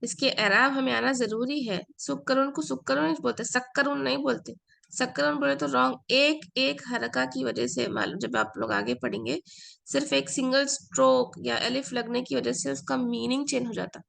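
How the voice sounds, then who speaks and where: A woman with Urdu as her first language teaches an Arabic lesson. Her voice is a little high and heavily gravelly with vocal fry. She explains patiently, repeating key words and mixing in English phrases. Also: expressive, normal speed, a bit bright. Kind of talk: online class lecture.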